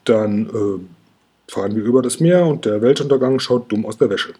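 A man voicing a rambling, hesitant old grandpa dragon in a storybook reading, with a very husky voice. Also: medium pitch, normal speed, dark tone, lightly acted. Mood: puzzled.

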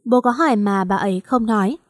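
A woman voicing a gentle, worried older father in an audio story, speaking with concern. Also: mid-range voice, brisk, no room sound, clean studio sound, lightly acted.

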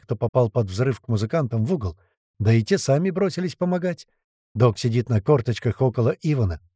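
A man narrating a first-person audiobook in a blunt, swearing manner. His voice is mellow and animated, ranging widely in pitch. The recording is dry and close. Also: no echo. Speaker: audiobook reader.

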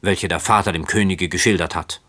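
A man's voice: low voice, steady tone, a little fast, sharp tone, dry recording. A man reading aloud voices a timid young man who pleads and whines. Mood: whining. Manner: pleading, whining. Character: timid, whining young man, a fearful cousin.

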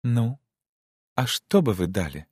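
A man reading an audiobook, voicing a spirited, warm-hearted countess who teases and flares up. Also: mid-range voice, takes it slowly, husky, no echo, studio quality, voice pushed up, exaggerated voice. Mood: teasing. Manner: lively, teasing, then indignant.

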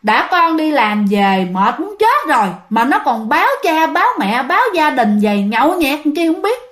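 A woman's voice: high voice, sing-song, moderate pace, fairly bright tone. A woman doing an irritated young man scolding.

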